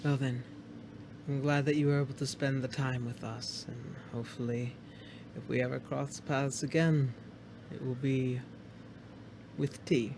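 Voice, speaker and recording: A man playing a gentle, wise shopkeeper in a tabletop fantasy game, talking in a soft, measured, kindly way. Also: mid-range voice, steady tone, background noise, close to an everyday voice. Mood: kindly farewell. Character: gentle, wise, welcoming shopkeeper sharing forest lore.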